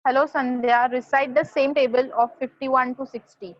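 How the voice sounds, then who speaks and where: A woman teaching an online class, speaking slowly and deliberately and spelling out how each word is pronounced. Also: high voice, steady tone. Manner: slow, deliberate, spells out pronunciation. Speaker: Sanskrit tutor. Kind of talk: online class lecture mixing Hindi and English. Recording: dull lo-fi sound.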